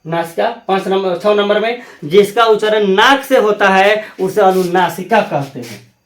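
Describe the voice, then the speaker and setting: A man's voice: sits high, measured pace, a bit bright. A man teaches grammar. He drills his students by firing questions at them, answering each one, and repeating every term. His voice rings around an echoey room. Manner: repeats key terms, quizzes the listener with questions. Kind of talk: classroom grammar lesson.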